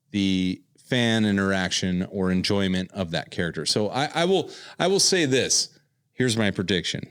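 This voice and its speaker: Lively low-voiced man co-hosting a podcast. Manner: animated, jokey, leads the discussion. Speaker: podcast co-host. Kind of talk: casual podcast chat.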